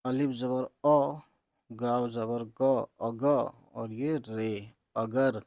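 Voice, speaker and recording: A man's voice: medium pitch, steady tone, drawn-out words, darkish tone, no echo, studio quality. A man teaching reading, spelling out letters and vowel marks one by one, often checking in with "okay". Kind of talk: slow letter-by-letter reading lesson.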